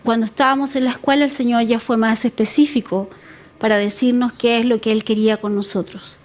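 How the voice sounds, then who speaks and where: Woman pastor, high voice, earnest sermon delivery that leans on repetition. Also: fairly even intonation, brisk, darkish tone. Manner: earnest, repeats words for emphasis; acts out prayers in a pleading voice.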